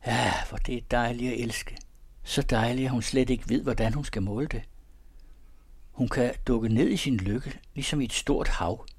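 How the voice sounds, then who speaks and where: A man calmly reading a romantic story aloud in a measured, softly expressive way. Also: mid-range voice, slightly rough. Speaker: narrator. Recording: dry close recording.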